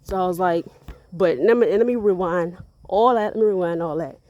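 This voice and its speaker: A woman's voice: on the low side, moderate pace, muffled recording. A woman sharing a rambling, faith-filled parenting story in a casual vlog, a little out of breath as she walks outdoors. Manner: earnest, rambling, faith-filled, repeats words. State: a bit out of breath. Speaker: parent vlogger.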